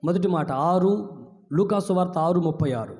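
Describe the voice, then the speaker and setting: Male pastor, sermon, high voice, emphatic preaching, long church-hall reverb. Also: moderate pace, darkish tone. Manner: emphatic preaching, voice swinging from low asides to high ringing declarations. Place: church hall during a live service.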